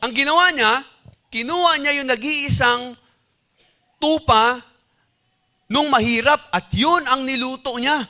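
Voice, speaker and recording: A man's voice: very high-pitched, a little slow, long pauses. A male pastor preaching a sermon in a conversational storytelling way, asking the congregation rhetorical questions. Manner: animated, mixing in English phrases.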